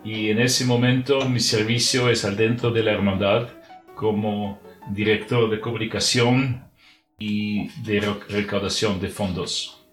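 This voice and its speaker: Slow, halting Austrian-accented man. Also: on the low side, fairly even intonation, echoey room, faint music behind. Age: middle-aged. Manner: halting, non-native speech with searching pauses. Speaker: religious brotherhood member, communications director. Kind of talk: prepared spiritual reflection for a podcast.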